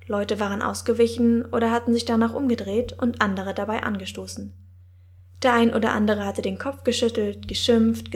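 A woman narrating a first-person fantasy audiobook in a wry, measured manner. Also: fairly high pitch.

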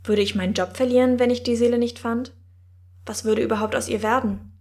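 A woman narrating a first-person fantasy audiobook in a wry, measured manner. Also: on the high side, fairly even intonation, a little mellow.

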